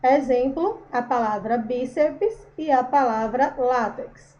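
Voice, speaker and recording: A woman's voice: high-pitched, slow, dark tone. A woman teacher giving a recorded grammar lesson, explaining patiently and calling her students by affectionate names. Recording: dull lo-fi recording.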